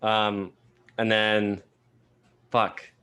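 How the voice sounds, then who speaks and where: A man's voice: lowish voice, little pitch movement, very slow, pushed and bright, smooth. A man from England in casual podcast chat, rambling with lots of fillers and swearing freely. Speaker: podcast co-host.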